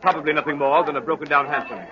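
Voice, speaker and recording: An actor playing a busy gentleman doctor, formal, brisk and slightly impatient, in 1930s radio drama style. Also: a little high, steady tone, a crowd in the background, close to an everyday voice. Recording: muffled, hissy 1930s radio recording.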